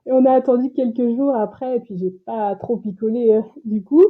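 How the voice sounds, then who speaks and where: A woman's voice: fairly high pitch, normal speed. A French woman in her late thirties, a podcast guest chatting casually, talking with lots of fillers and restarts. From France. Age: 30s. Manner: chatty, many fillers and restarts, laughs easily. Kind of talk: casual interview chat. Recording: tinny phone-like line.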